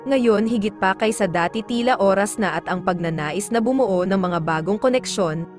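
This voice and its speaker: Daily horoscopes are read by a woman with a mid-range voice, calm and formal in her pacing, while soft music sits behind her.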